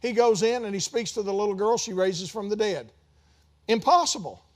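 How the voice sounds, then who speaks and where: A man with a high, light voice preaches a sermon. He talks it through like a conversation, then climbs into loud, emphatic runs and drops back to asides. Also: normal speed. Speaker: pastor.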